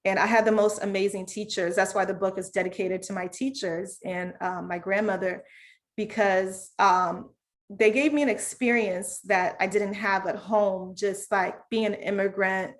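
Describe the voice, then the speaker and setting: A woman from Zambia, a children's book author, reading her story aloud and then talking about it on a video call in a relaxed, conversational way. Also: medium pitch, normal speed. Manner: relaxed, conversational, many fillers. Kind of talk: reading aloud and interview answers.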